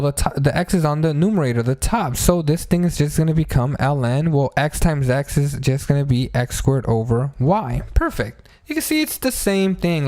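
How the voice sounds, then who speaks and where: A man with a slightly high voice teaches like a friendly tutor, explaining step by step and addressing his listeners directly. His throat is sore and talking pains him. The recording is close and dry, with very little room sound. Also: a little mellow, no echo. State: sore throat, pained to talk after a blow to the throat. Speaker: math teacher. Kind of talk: informal tutorial on math problems.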